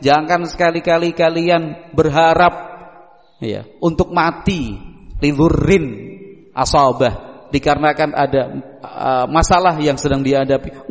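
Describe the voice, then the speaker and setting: A man's voice: on the high side, vocal fry. A man preaching in a casual question-and-answer style, who acts out little dialogues between parents and children and asks his listeners rhetorical questions. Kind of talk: casual religious Q&A lecture. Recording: long hall reverb.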